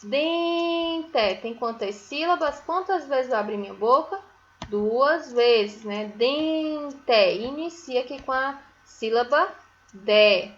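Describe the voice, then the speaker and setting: A woman's voice: on the high side, a bit bright, muffled recording. A Brazilian woman teaching a phonics lesson to young children, stretching out syllables and checking in often with little tag questions. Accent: Brazilian Portuguese. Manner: drawn-out syllables, frequent "né?" and "certo?" checks.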